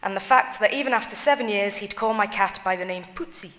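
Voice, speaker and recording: Woman reader, solemn measured eulogy reading, medium pitch, long church echo. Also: a bit bright. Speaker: reader of family tributes at a funeral. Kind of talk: reading written eulogies aloud.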